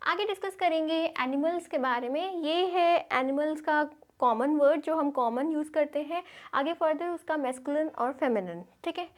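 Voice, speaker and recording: High-voiced Indian woman teaching. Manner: explains in Hindi, checks in with frequent "theek hai". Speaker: English teacher. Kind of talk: classroom lecture over slides.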